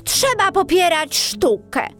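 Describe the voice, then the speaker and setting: A woman's voice: very high-pitched, sing-song, takes it slowly, a bit bright, soft background music, voice pushed up, full character voice. A woman voicing a haughty, spoiled young princess in a storybook reading, petulant and commanding.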